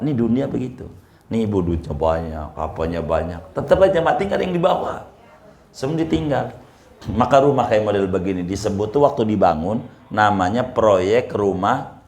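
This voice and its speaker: A man's voice: mid-range voice, echoey room. A man preaching in a casual, teasing way and often asking his listeners questions. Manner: chatty, teasing, asks the audience questions. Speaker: Islamic preacher. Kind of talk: casual sermon to a congregation.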